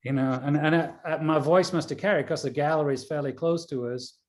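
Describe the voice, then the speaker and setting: A man's voice: fairly high pitch, steady tone, brisk. A man, a golf caddie and coach, talking in a casual rambling way with many fillers and restarts. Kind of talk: casual conversation. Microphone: video call.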